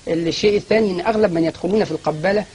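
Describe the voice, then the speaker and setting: A man's voice: high voice, racing, darkish tone. A man as a guest scholar in a studio TV interview, explaining at length with frequent restarts and fillers.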